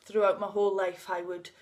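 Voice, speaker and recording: A woman in her thirties talks in a personal vlog, unscripted, emotional, and laughing here and there, while standing outdoors in sunny weather. She blocks on first sounds due to a stutter, and her mid-range voice is a little mellow.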